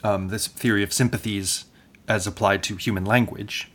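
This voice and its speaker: A man's voice: fairly low pitch, steady tone, normal speed, a bit bright. A man hosting an academic interview, engaged and conversational, with some hesitations. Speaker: podcast host.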